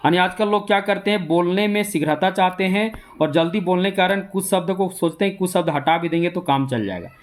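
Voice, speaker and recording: A man's voice: high voice, brisk, hardly any pauses. A man with a Jharkhand Hindi accent teaching exam coaching in a classroom lecture style. He repeats his points and asks rhetorical questions that he answers himself.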